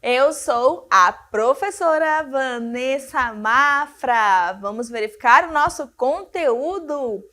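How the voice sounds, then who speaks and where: A woman's voice: sits high, fairly bright tone. A woman with a Brazilian Portuguese accent teaching a recorded grammar lesson, speaking straight to her students and checking in with them often. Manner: didactic, addresses students directly with frequent check-ins.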